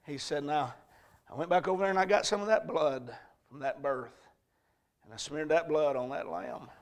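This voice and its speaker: A man delivers a sermon from the pulpit, his voice sitting a little high for a man. He tells a story at an easy storytelling pace, then climbs into loud, shouted peaks at the key moments. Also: normal speed, creaky. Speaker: pastor.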